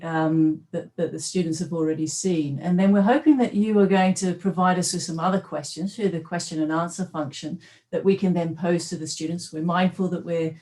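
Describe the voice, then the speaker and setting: A woman from Australia moderates a virtual panel over a video call. She speaks politely and at a measured pace, with a few fillers as she introduces each question. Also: fairly low pitch, a little mellow.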